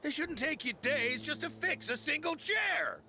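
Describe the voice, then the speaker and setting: A man's voice: very high-pitched, sing-song, measured pace, exaggerated voice. A man voicing a cranky older townsman in a video game, mocking and sarcastic as he heckles. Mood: mocking, loud. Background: music.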